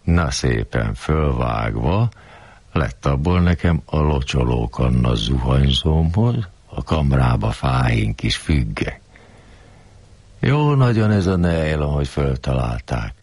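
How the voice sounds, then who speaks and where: A man's voice: very deep voice, expressive, darkish tone, no room sound. An older man performing a coarse, grumbling, rambling comic monologue.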